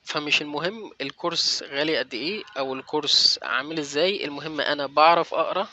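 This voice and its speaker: A man's voice: on the high side, a little fast, bright, forceful tone, slight background noise. A young man with an Egyptian Arabic accent giving direct, coaching advice to the viewer in a motivational vlog. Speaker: language-learning vlogger. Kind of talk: motivational advice talk to camera.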